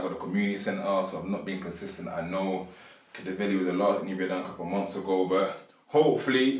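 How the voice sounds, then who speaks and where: A man hosting a podcast and asking his guest easygoing questions. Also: deep voice. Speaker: podcast host. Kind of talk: casual interview chat. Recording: echoey room, mic at a distance.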